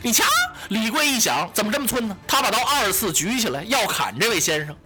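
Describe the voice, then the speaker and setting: A man narrating a traditional story in a lively, dramatic way, voicing the sound effects himself. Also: high voice, a little fast, faint music behind.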